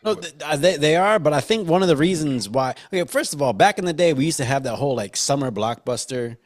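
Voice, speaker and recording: A man's voice: a little high, animated, fast talker. A man hosting a casual movie podcast, chatting informally with a teasing, salty-tongued manner. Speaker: podcast host.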